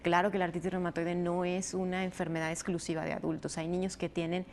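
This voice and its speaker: A woman doctor answers interview questions in a lowish voice, explaining step by step with fillers here and there. Faint noise hums behind her. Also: little pitch movement, darkish tone. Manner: explanatory, measured, frequent fillers. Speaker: rheumatologist guest.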